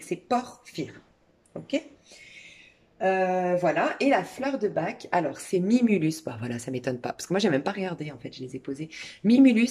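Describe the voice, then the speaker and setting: A middle-aged woman giving a spoken tarot and crystal reading, talking calmly and directly to the listener with many fillers. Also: on the low side, slightly rough. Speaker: tarot reader.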